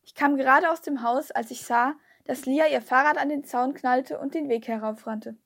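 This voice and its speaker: A woman narrates a storybook aloud with a high, light voice. She reads in a steady, expressive way. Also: moderate pace, vocal fry. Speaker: audiobook reader. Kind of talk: scripted narration.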